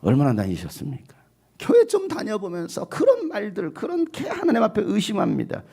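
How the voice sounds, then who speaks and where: A male pastor preaching a sermon in an animated way, at times acting out the voices he quotes. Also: sits high, a little fast, gravelly, breathy edge.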